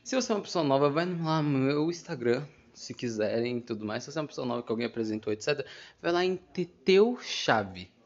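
A young man chats through a casual solo podcast at an ordinary middle pitch. He rambles, loses his thread and keeps circling back with fillers. The home recording sounds somewhat dull and lo-fi. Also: expressive, quick pace. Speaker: podcast host.

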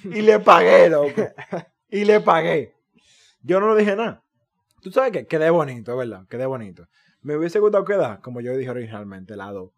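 A young man with a Dominican Spanish accent, co-hosting a podcast and telling stories in slangy, animated casual chat. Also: mid-range voice, brisk. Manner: animated, slangy storytelling with swearing. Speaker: podcast co-host.

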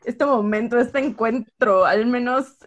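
A woman's voice: fairly high pitch, a little slow, lo-fi sound. A woman in her twenties with a Mexican accent, chatting casually as a podcast co-host. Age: 20s. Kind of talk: casual chat. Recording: video call with faint noise, clicks.

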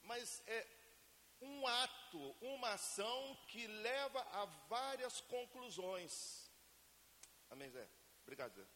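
A man from Brazil preaching a lively sermon to a congregation and asking them to answer him. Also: very high voice, takes it slowly. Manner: acts out family scenes in everyday voices. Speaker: pastor. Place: church hall. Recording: reverberant church hall, faint hiss.

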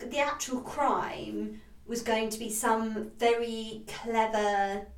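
A woman co-hosting a casual book podcast, talking with lively enthusiasm. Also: a little high, slow pace, creaky, echoey room, far from the mic. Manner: lively and enthusiastic, animated rises. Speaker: podcast co-host.

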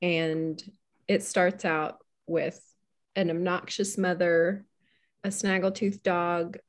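Slow-talking woman author. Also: fairly low pitch, little pitch movement. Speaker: author guest. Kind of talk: casual chat.

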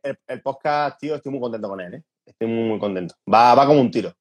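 A man's voice: mid-range voice, quick pace, slightly rough. A man from Andalusia with an Andalusian accent, a podcast guest talking casually and informally, stumbling now and then. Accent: Andalusian Spanish. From Andalusia, Spain. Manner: relaxed, informal, stumbles at times.

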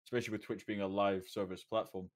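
A man's voice: on the low side, little pitch movement, fast. A man, a streamer on a panel, giving his view in natural, casual unscripted talk.

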